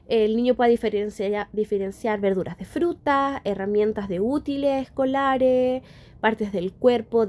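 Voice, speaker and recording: A woman's voice: fairly high pitch, darkish tone. A young woman giving a lecture to students, explaining step by step and checking in with short questions. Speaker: speech therapy lecturer.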